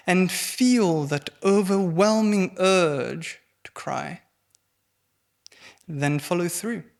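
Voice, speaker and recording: A young man, a postgraduate student, reading his poem very deliberately, his voice trailing away almost to nothing at line ends. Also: a little high, vocal fry. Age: young adult. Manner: very slow, deliberate reading that trails off to near silence. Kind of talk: poetry recitation.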